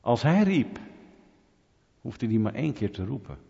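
Middle-aged guy preaching, animated, jumps loud sometimes, muffled recording w/ long hall echo. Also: mid-range voice, unhurried, vocal fry. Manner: animated storytelling with sudden loud peaks. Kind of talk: sermon. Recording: dull audio with long hall reverb.

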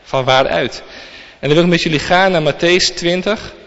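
A man's voice: a little high, normal speed, fairly bright tone. A man giving a sermon, reading scripture aloud and then explaining it to the congregation. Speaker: preacher. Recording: long reverb, dull lo-fi sound.

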